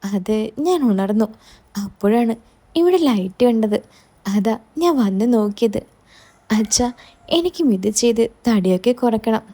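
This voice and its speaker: A woman's voice: fairly high pitch, expressive, measured pace, pauses often, dark tone. A woman voicing a caring, affectionate young daughter-in-law who talks in a coaxing, reassuring way. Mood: chatty.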